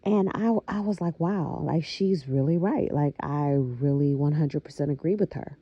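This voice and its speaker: A woman vlogger talking reflectively to her viewers, with a slow, thoughtful manner and many soft fillers. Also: sits low, breathy edge, no echo, dull audio. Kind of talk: casual talking-to-camera monologue.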